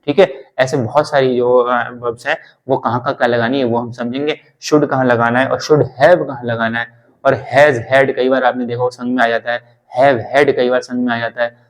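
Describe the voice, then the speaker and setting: A man's voice: mid-range voice, little pitch movement, moderate pace, low-quality recording. A man teaching English grammar in a classroom lesson, repeating terms and reassuring learners. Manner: repetitive, reassuring explanations.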